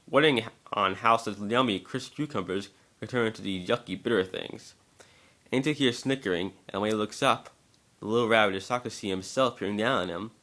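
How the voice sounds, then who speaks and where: This is a man reading a story from a script as an amateur narrator, occasionally tripping over words. His voice sits on the low side with a fairly bright tone.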